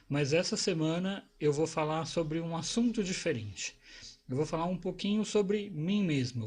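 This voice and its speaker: A psychologist in his 40s talks casually to camera about his own life, rambling conversationally with restarts and tag questions. His husky voice sits a little high with a darkish tone.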